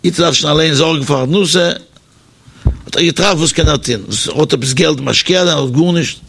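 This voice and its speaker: A man with a high, gravelly voice tells a religious story in sermon style. He talks animatedly and shifts his pitch for the people in the story, often stumbling over repeated words and fillers. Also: a little fast, fairly bright tone, a little hiss or hum.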